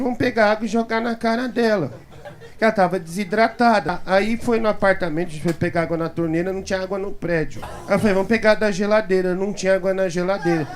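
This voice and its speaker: A man telling a comic anecdote as a guest on a talk show, animated and chuckling as he acts out the quoted voices of others. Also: high-pitched, a little hiss or hum. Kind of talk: comic anecdote told to a live audience. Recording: live talk show with audience laughter. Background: studio audience laughter.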